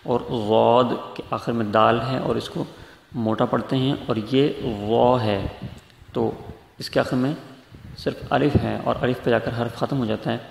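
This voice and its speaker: A man's voice: mid-range voice, fairly even intonation, creaky. A man teaching Quran recitation, explaining letter sounds patiently and stretching out demonstrations. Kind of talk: tajweed lesson. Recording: echoey room with faint noise.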